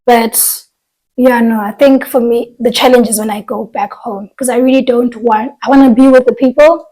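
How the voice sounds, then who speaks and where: A woman's voice: a little high, fairly even intonation, normal speed, mellow, rough recording. A woman from Africa, co-hosting a casual podcast chat and thinking aloud with frequent restarts. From southern Africa, living in South Africa. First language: a southern African language. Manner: thoughtful, trails off and restarts mid-thought. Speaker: podcast co-host.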